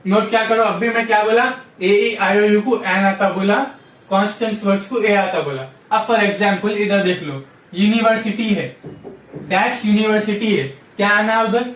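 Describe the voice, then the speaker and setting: High-voiced man teaching grammar, echoey room. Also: moderate pace, fairly bright tone, recorded from a distance. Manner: repetitive, drills rules with frequent "samjhe?" check-ins. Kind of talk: classroom-style grammar lesson.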